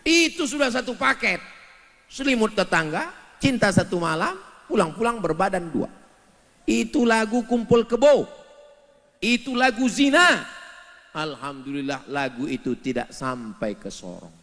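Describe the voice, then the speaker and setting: A man delivering a joking sermon at an unhurried pace, his slightly high voice ringing through a hall with long reverb. He jokes with the congregation and now and then stretches a verse into a slow chant. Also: big pitch swings, fairly bright tone. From Indonesia. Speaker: preacher. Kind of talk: humorous sermon.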